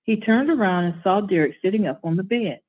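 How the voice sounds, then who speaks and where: A woman hosting and reading a bedtime story in a calm, steady way. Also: mid-range voice, brisk, slightly rough. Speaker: host. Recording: tinny phone-like audio.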